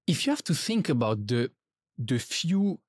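Casting: male podcast host, mid-pitched, eager interviewer, close dry studio sound. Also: big pitch swings, a little slow, a little mellow, husky, no echo. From Switzerland. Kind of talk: interview conversation.

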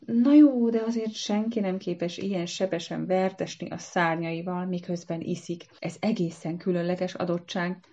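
A woman's voice: lowish voice, fairly even intonation, hardly any pauses, dark tone, highs cut off. A woman voicing a humble, naive hooved creature in a storybook reading, speaking in an eager, earnest and polite way.

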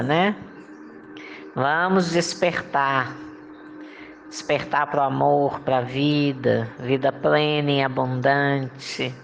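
A woman's voice: low voice, vocal fry, lo-fi sound, slight background noise. A woman giving a motivational monologue, coaxing listeners with rhetorical questions and frequent laughs. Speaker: motivational speaker.

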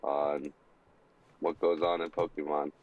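A man's voice: level tone, a little slow, muffled recording. A man co-hosting a podcast over a call, chatting casually and playfully. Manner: playful, breaks into high laughing squeals. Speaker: podcast co-host. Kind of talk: casual chat.

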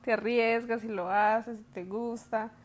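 Calm, reflective woman. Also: fairly high pitch, measured pace, soft background music. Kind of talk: casual chat.

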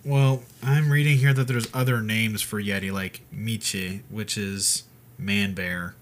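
A man's voice: lowish voice, fairly even intonation, a little slow. A young man co-hosting a casual podcast, joking around and reading facts aloud in a laid-back way. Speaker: podcast co-host. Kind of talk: casual chat.

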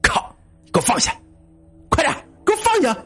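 A man's voice: high-pitched, huge pitch swings, brisk, creaky, breathy edge, soft background music, voice pushed up, full character voice. A man doing a snappish young dorm guy. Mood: angry. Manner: snappish, shouting and huffing. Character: hot-tempered male dorm student who owns the plate.

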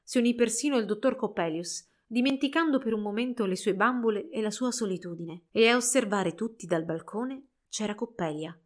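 A woman reads a storybook aloud in an expressive, measured way. Her voice sits fairly high. She paces the tale with care. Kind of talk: storybook narration.

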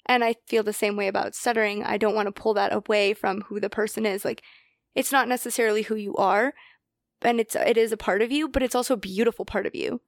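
A woman's voice: medium pitch, fairly even intonation, fast talker, dry recording, clean studio sound. A woman hosting a podcast interview who talks in a reflective, affirming way and often murmurs agreement. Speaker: podcast host.

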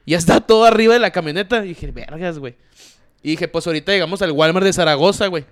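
A man's voice: high-pitched, racing. A man with a northern Mexican border accent telling anecdotes casually among friends, in slangy, heavily profane talk.

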